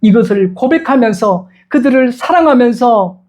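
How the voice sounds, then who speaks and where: A man's voice: extremely high pitch, animated, moderate pace, a little mellow. A male pastor preaching a sermon with passion, repeating his points for emphasis and acting out other people's words. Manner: impassioned, with emphatic repetition; acts out quoted speech of others. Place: church.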